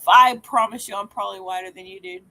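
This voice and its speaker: A woman in her forties on a group call, animated and blunt, who swears and keeps saying she has to say something. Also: mid-range voice, fast talker, rough recording. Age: 40s. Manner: animated, blunt, swears, says "I have to say" repeatedly. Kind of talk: casual group chat.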